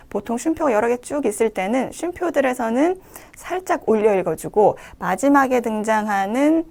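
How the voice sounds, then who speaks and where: A woman teaching English pronunciation in a lecture, explaining step by step and reading the English phrases slowly to show them. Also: on the high side, gravelly, a little mellow. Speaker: English speaking-test instructor.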